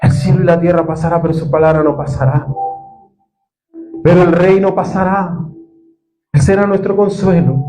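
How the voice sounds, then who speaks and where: Un hombre predicando un sermón con acento venezolano, apasionado, que pasa de hablar bajo a alzar la voz. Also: male voice, fairly high pitch, poor audio. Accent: Venezuelan Spanish. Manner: impassioned, swings from soft to loud. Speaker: preacher. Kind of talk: sermon.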